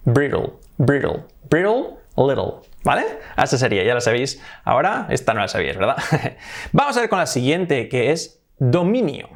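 A man from Spain with a Spanish accent, teaching English pronunciation in a casual lesson, repeating words slowly and chuckling now and then. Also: mid-range voice. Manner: lively, repeats words with drawn-out emphasis, chuckles.

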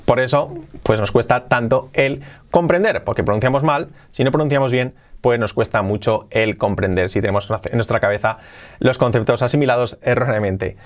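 Man, Spanish accent, podcast English lesson, mid pitch, slow careful phrases. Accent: Spain Spanish. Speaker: English teacher.

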